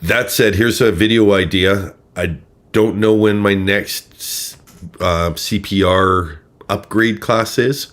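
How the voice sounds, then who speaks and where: A man's voice: on the low side, fairly even intonation, slow, a bit bright. A man hosting a true crime livestream, rambling in a wry, sarcastic way while drinking a little. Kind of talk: casual live ramble commentary.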